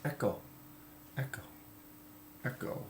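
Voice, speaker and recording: A man hosting a casual livestream, imitating an echo by repeating a single word more and more quietly. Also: takes it slowly, slight background noise. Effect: mimics an echo by repeating a word more and more quietly. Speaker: livestream host.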